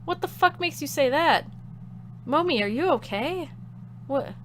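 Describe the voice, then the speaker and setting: A woman's voice: high-pitched, lively intonation, unhurried, a bit bright, slight background noise. A woman streaming a video game, chatting casually in a blunt, sarcastic way and swearing freely. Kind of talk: casual gameplay commentary. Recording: game music playing behind the voice.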